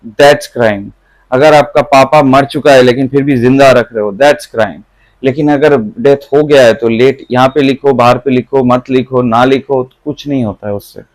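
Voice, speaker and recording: A man's voice: medium pitch, no echo, poor audio. A man in his thirties, an exam coach, explaining exam rules in casual Hindi mixed with English, repeating key points.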